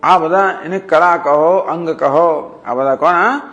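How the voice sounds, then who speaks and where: A man's voice: on the high side, slow pace, fairly bright tone, lo-fi sound. Man teaching scripture with rhetorical questions. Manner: recites Sanskrit verses, then explains and lists term by term; asks rhetorical questions and answers them himself. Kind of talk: Gujarati scripture discourse.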